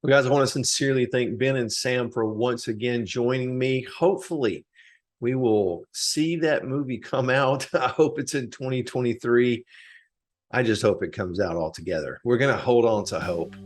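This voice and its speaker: A man's voice: mid-range voice, moderate pace. A man hosting a casual podcast chat, thanking his guests and asking short questions. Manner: friendly, short interjections and wrap-ups. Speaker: podcast host.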